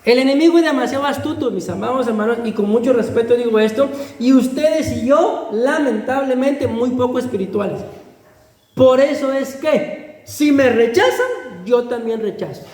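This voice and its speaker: A male pastor with a Guatemalan Spanish accent preaches conversationally in an echoey church hall with long reverb, often calling listeners brother and laughing lightly between phrases. His voice is very high-pitched and animated, darkish in tone, at a moderate pace.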